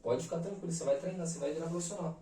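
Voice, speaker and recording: A Brazilian man in his thirties, a podcast guest, telling a personal story in an animated, emphatic way full of slang fillers. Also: a little high, rapid-fire. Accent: Brazilian Portuguese. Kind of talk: casual storytelling. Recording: roomy echo, mic at a distance.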